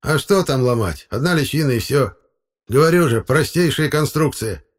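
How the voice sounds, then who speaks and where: A man's voice: mid-range voice, lively intonation, moderate pace, pitched above the performer's own voice, lightly acted. A man voicing an older former factory worker, grumbling and offhand.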